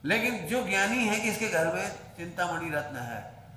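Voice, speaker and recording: A man preaching a religious discourse, his voice pitched high for a man. He tells stories and acts out their dialogue. The sound rings with long reverb in a large hall, with faint ambience behind. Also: lively intonation, moderate pace, sharp tone, slight background noise. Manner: storytelling with acted dialogue. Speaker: Jain preacher.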